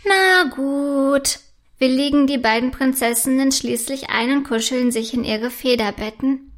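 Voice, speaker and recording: A woman narrating a children's bedtime story in a gentle, even storytelling manner. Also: high-pitched, moderate pace.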